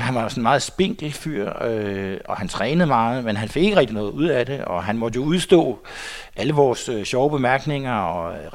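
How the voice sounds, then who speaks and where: Guest, older man in his 60s, reflective and halting with many pauses and restarts. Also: medium pitch. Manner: hesitant, many fillers and restarts. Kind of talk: reminiscing interview talk. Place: studio.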